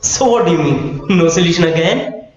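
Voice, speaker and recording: A man's voice: a little high, expressive, normal speed, close to an everyday voice. A young man playing an impatient, complaining customer in a role-play. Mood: irritated. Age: young adult. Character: irate young male customer threatening to sue. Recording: very echoey hall-like room, dull, faint noise.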